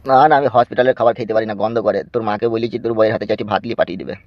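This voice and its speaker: Rapid, muffled man in a drama. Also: on the low side, fairly even intonation, dry recording. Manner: pleading, hushing and warning. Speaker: voice actor in a family drama. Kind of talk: emotional village drama acting.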